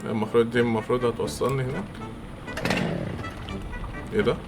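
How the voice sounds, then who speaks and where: A young man with an Egyptian accent commentating his own gameplay, excitable and quick to react loudly. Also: mid-range voice, loud music behind the voice. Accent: Egyptian Arabic. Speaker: gamer. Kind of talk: let's-play game commentary.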